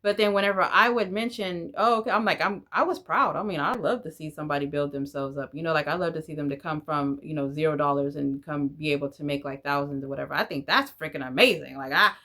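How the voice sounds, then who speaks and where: Speaking fast with few pauses, a woman in her forties whose first language is Spanish chats casually to camera in a rambling, candid vlog. Her voice sits low and sounds sharp.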